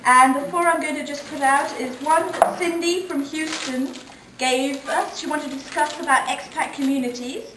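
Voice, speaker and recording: A high-pitched woman editing a radio show leads an editorial meeting in a conference room, asking questions with frequent hesitant ums. Her intonation is fairly even and her pace moderate. A distant room mic picks her up from far off, so the sound is echoey with faint noise.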